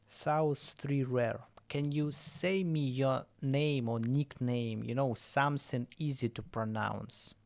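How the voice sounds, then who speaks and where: Male streamer, English speaker, unhurried delivery with a gravelly edge. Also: mid-range voice, fairly even intonation, a little mellow. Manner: halting, self-correcting non-native English. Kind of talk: casual game stream chat.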